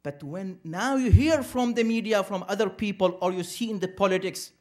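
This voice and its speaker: A man's voice: high-pitched, moderate pace. A man speaking at an interfaith program, lecturing a live audience and asking rhetorical questions that he answers himself. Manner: emphatic, preacherly. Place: community center event.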